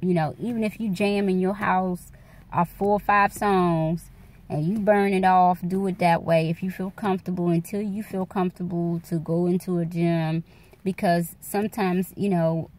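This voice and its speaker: A woman's voice: on the low side, steady tone, normal speed, darkish tone. A woman in her forties talking candidly to her phone camera at night, rambling and calling her viewers y'all. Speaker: vlogger. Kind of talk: casual chat to camera. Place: dark room at night. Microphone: phone camera held close.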